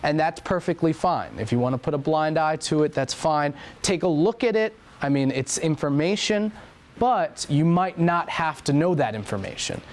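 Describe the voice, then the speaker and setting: Young guy lecturing a class, kinda higher voice, repeats stuff a lot, casual teacher talk. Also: animated, moderate pace. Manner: conversational, repeats key points. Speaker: anatomy and physiology lab instructor.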